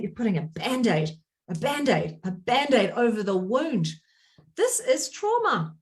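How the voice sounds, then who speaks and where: A middle-aged woman coaching on emotional eating, talking straight to the listener with passion and emphasis. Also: high voice. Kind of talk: motivational talk to camera.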